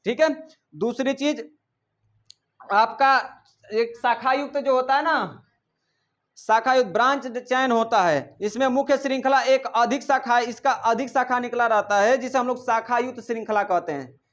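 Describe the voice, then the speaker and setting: High-pitched male teacher quizzing a class. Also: moderate pace, a bit bright, lo-fi sound. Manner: drills students with repeated questions, scolds them. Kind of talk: classroom chemistry lesson.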